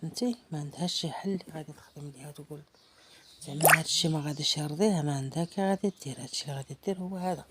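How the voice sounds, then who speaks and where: Fast-talking Moroccan woman teaching embroidery. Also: deep voice, fairly even intonation, noisy background. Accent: Moroccan Arabic. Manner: chatty, thinks aloud while working, drops into murmurs to herself. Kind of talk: casual hands-on craft tutorial.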